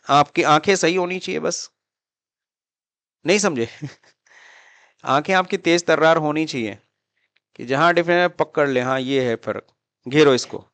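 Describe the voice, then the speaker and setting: आवाज़ में गूंज न होने वाला, सवाल पूछकर समझाने वाला पुरुष शिक्षक. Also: male voice, fairly high pitch, no room sound. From India. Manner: explains with constant check-questions to students; Hindi mixed with English terms. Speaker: accounting teacher. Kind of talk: classroom lecture.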